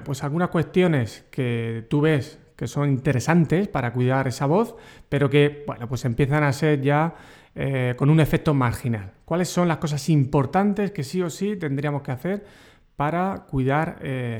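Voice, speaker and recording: A man's voice: a little high, lively intonation, moderate pace, darkish tone. A man hosting a podcast interview, asking questions in a conversational, hesitant way with a ready laugh. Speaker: podcast host.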